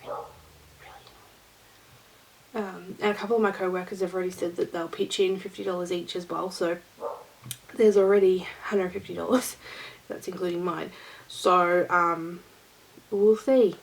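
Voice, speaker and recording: A woman's voice: on the low side, fairly even intonation, normal speed, creaky, rough recording. A woman hosting her own knitting vlog, talking to camera in a rambling, easygoing chat. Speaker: knitting vlogger.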